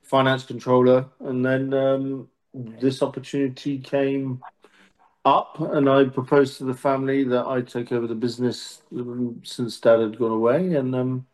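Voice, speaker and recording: A middle-aged man speaks with a British accent in a casual interview. His pitch sits in the middle of the male range. He feels his way through sentences, pausing and rephrasing as he goes. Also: level tone, a little mellow, rough recording. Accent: British English. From born in Marseille, France, long settled in the UK. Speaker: managing director, interview guest.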